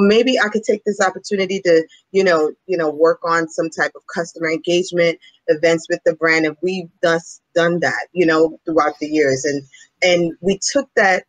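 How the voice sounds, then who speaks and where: A woman from Brooklyn, telling stories as a panelist in a lively, conversational way. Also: lowish voice, no echo, rough recording. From New York City (Brooklyn). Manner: lively storyteller, animated, conversational. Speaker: fashion brand panelist. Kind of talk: panel discussion.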